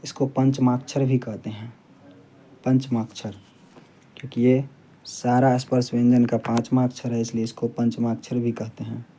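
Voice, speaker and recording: Male tutor, very dark and mellow tone, monotone delivery, repeats facts for memorizing, faint room noise. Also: mid-range voice, moderate pace. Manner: repeats key points for students to memorize; plain, steady explaining with frequent "ठीक है". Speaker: teacher. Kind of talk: classroom lesson.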